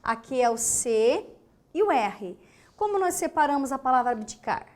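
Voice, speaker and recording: A woman's voice: high-pitched, animated, moderate pace, a little mellow. A woman teacher with a Brazilian Portuguese accent giving a grammar lesson, emphatic, repeating key words and checking in with the class.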